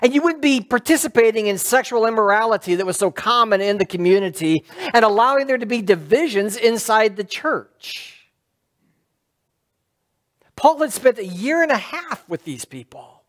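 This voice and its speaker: A middle-aged man gives a sermon from a lectern in a church sanctuary, talking through a headset mic. His pitch rises and falls in a lively, animated way. He speaks conversationally and often turns statements into questions for the congregation. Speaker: pastor.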